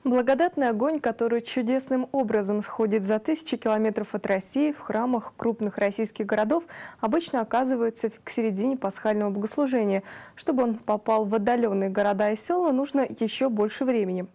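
A woman's voice: on the high side, fairly quick, creaky, dark tone. A woman reading scripted news as a programme presenter.

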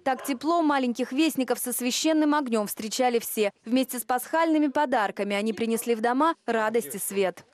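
Higher-voiced woman narrating a news feature. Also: fairly quick, few pauses. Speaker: TV news reporter. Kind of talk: scripted news feature voice-over.

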